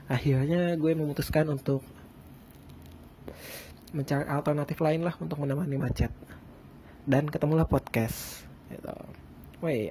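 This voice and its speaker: A man with a relaxed, mellow, mid-pitched voice hosts a casual solo podcast in style. He cannot pronounce a rolled r and rambles along in a slangy, self-deprecating way. Ambient noise sits behind him. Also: low-quality recording. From Bandung, Indonesia. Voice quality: lisped, non-rolled r. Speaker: podcast host.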